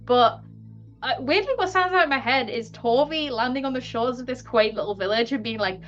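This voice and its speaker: A woman's voice: on the high side, brisk, fairly bright tone. A woman tabletop player chatting casually and informally about a game. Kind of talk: casual chat. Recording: slightly dull sound, faint music. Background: faint music.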